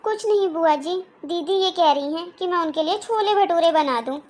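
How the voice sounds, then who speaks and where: High-voiced polite young housewife, patient, cartoon, woman doing the voice. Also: moderate pace, darkish tone. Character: patient hardworking young daughter-in-law. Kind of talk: cartoon voice acting.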